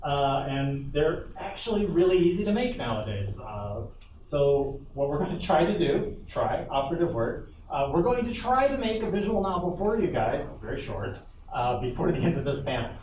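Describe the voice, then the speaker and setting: This panel presenter, a lead game developer, has a fairly high, sing-song voice and talks at normal speed. He delivers an informal live workshop at a convention, improvising with asides, recorded in an echoey room through a distant mic with heavy background noise.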